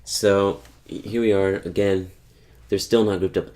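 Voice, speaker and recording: A man's voice: low-pitched, fairly even intonation, unhurried, darkish tone. A man giving casual commentary over his own match footage, rambling and often correcting himself as he explains. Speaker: gaming tutorial host.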